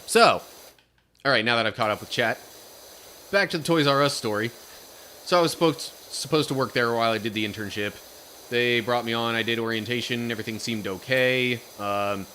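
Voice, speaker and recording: A man's voice: mid-range voice, sharp tone, slight background noise. A young man from Pennsylvania, chatting casually on a live stream, telling a rambling story and reading chat comments aloud.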